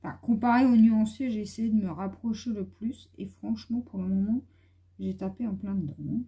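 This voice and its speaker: This YouTuber, a mother of a young son, colors indoors at home while she chats and rambles with plenty of filler words. She speaks a little fast in a mid-range, steady voice that is dark and slightly rough.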